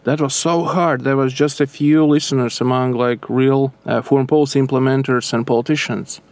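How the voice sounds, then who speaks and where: A man's voice: mid-range voice, steady tone, moderate pace, no echo. Latvian-accented man explaining, dry close sound. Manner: earnest, analytical, non-native phrasing. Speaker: foreign policy researcher, interview guest. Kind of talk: explanatory interview answers.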